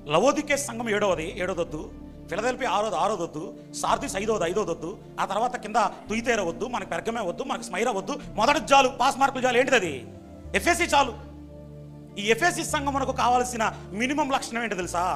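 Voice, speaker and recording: A man preaching a Sunday sermon in church, with a Telugu accent, who keeps quizzing his listeners and swings from loud exhortation to low, quiet asides. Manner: quizzes the congregation with repeated questions. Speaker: pastor. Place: church hall during a Sunday service.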